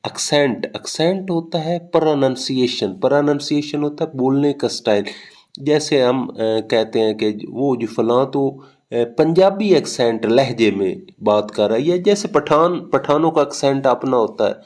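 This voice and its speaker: A man's voice: mid-range voice, animated, a little slow, darkish tone. Brief: male lecturer, mid-range voice, patient teaching delivery with frequent hesitations. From Pakistan. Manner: explains with everyday examples, frequent hesitation fillers. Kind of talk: recorded lecture explaining linguistics.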